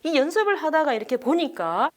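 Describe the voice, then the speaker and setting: Lively, high-voiced nun telling a story. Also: female voice, brisk. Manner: animated, acts out the people in her story; asks the audience questions.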